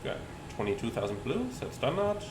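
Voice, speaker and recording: Here the man's voice sits at medium pitch and moves at a moderate pace. Acting as a pilot on a flight simulator, he walks through procedures and repeats radio calls back, with a roomy sound and steady cockpit hum.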